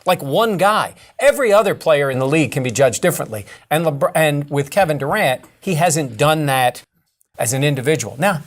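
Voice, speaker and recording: A man on a sports talk radio show explaining his views in a measured way. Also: fairly high pitch. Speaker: sports broadcaster guest.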